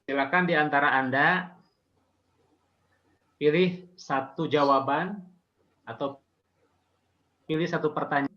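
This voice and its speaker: Male Indonesian-accented teacher, unhurried and patient, fairly high pitch, muffled class-call audio, frequent pauses. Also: steady tone, bright, forceful tone. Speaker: language teacher. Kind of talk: informal online class teaching.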